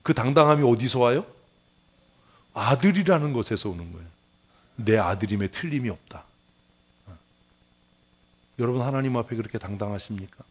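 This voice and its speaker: A middle-aged male pastor giving a Sunday sermon in a lively way, acting out quoted voices and asking the congregation questions. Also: mid-range voice, normal speed, pauses often, breathy edge. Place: church sanctuary.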